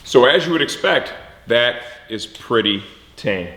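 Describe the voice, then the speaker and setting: In an echoey, reverberant room, a man hosting motorcycle parts install videos gives a casual, step-by-step walkthrough in a plain, folksy manner. His medium-pitched voice is animated and unhurried, with heavy background noise behind it.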